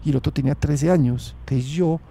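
A Colombian man telling his own story in a halting way, often restarting his sentences and acting out what people said. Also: on the high side, dark tone. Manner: halting, with restarts and acted quotes. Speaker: interviewee. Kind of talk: personal storytelling.

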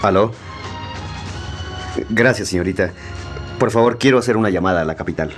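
Male actor as nervous lover in radio melodrama, lowish voice, halting delivery, music underneath. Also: lightly acted. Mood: eager, nervous. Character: nervous lovestruck man, hesitant bearer of bad news. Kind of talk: melodramatic radio drama acting.

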